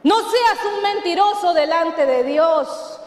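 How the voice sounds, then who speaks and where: High-voiced woman pastor preaching in an echoing hall. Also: expressive, takes it slowly. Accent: Mexican Spanish. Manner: emphatic preaching with call-and-response questions. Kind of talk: sermon. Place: church hall. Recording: echoey church hall, long reverb.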